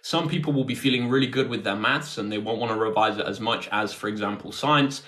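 Talking quickly in a low-ish, bright, forceful voice, a British man in his twenties hosts a casual tutoring livestream and answers viewer questions directly. He is indoors, near a phone set on a tripod.

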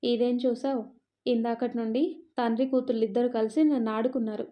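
A woman narrator voicing an exasperated young mother who is sharp-tongued with her sister. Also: fairly high pitch, little pitch movement, a little fast, dull audio, lightly acted.

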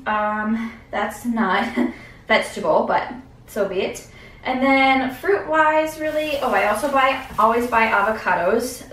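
A young adult woman vlogs a casual walkthrough of her grocery haul in her kitchen at home, thinking aloud with fillers. Her voice is on the high side and a bit bright, picked up off-mic by a camera a few steps away, so the kitchen sounds echoey.

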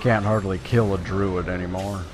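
A gaming video creator gives casual, playful commentary, talking to himself and to the game as he plays, with video game combat sound effects behind him. His voice sits low, with fairly even intonation and a normal speed.

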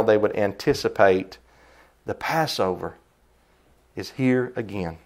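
Male preacher with a slightly low voice, delivering an emphatic sermon with sharp swells for emphasis. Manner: emphatic preaching with sudden rises in pitch and loudness.

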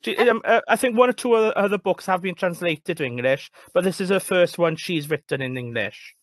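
A man's voice: sits high, a little fast, no room sound. A Welsh man, a librarian, chatting about books in a rambling, hesitant way, often repeating words. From Wales. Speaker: librarian, guest. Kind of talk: casual book chat.

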